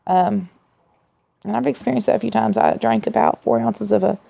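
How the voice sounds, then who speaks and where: A woman who sounds tired and weak after surgery, talking in a candid, rambling, low-energy way in a casual video diary, with a gravelly, creaky voice. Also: steady tone, normal speed, mellow. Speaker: vlogger sharing surgery recovery. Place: at home in a recliner. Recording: dull, lo-fi sound.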